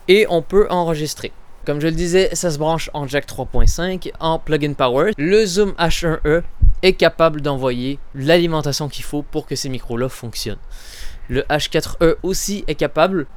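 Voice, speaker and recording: A man's voice: on the high side, clean tone. Chatty man demonstrating audio gear. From Canada. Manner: chatty, informal, narrates own movements step by step. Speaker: podcast host reviewing audio recorders. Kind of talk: casual product demonstration. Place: small home studio and narrow hallway. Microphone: recorder's internal mic, later binaural in-ear microphones.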